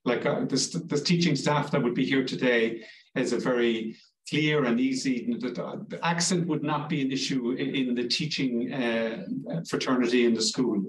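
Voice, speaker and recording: A man's voice: mid-range voice, fairly even intonation, moderate pace, few pauses. Irish man from Cork, echoey and distant. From Ireland, Cork. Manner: chatty, reassuring, frequent restarts. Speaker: language school director. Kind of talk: promotional interview answers.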